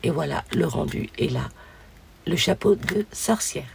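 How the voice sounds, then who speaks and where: A hoarse woman hosting a casual crafting video, chatting along with many fillers as she shows her pieces. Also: low-pitched, lively intonation, measured pace, a little hiss or hum.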